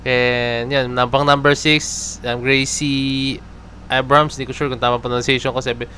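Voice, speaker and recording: A man's voice: mid-range voice, little pitch movement, normal speed, pushed and bright, a little hiss or hum. A man with a Filipino accent hosting casual fan commentary, chatty and peppering his sentences with filler tags.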